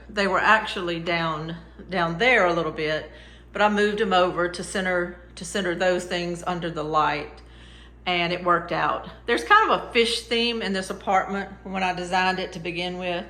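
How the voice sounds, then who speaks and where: A woman's voice: fairly low pitch, moderate pace, sharp tone, roomy sound. A woman giving a casual, chatty tour in a homey way, with proud, happy enthusiasm. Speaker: vlogger showing her farm store. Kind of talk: casual home tour narration.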